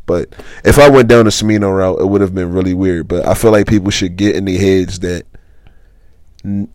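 A man co-hosting a podcast, telling stories in a relaxed, rambling way with lots of fillers. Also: sits low, normal speed, no echo. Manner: laid-back, rambling storytelling with lots of fillers. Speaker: podcast co-host. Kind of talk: casual chat.

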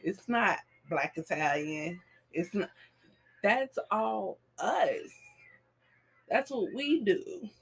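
A woman's voice: medium pitch, drawn-out words, long pauses, slightly rough. Woman explaining points on a podcast. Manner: explanatory, steady, argues her point. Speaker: podcast co-host. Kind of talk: casual chat.

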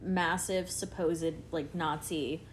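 A woman's voice: deep voice, steady tone, slow, a little hiss or hum. A woman in her twenties co-hosting a casual podcast and tossing in joking asides. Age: 20s. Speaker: podcast co-host. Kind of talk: casual chat.

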